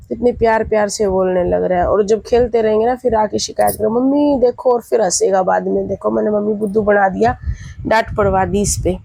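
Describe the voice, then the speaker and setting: A woman's voice: mid-range voice, vocal fry, warm tone, slightly rough, no room sound, rough recording. A woman, feeling feverish and unwell, chatting through a vlog and retelling her family's talk. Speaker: vlogger. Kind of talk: casual vlog narration.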